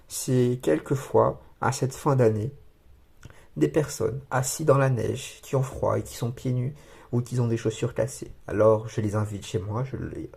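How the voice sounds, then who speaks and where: A man's voice: medium pitch, creaky, a little mellow, breathy edge. A man reading to small children, voicing a kind-hearted but slightly annoyed village cobbler who explains himself plaintively.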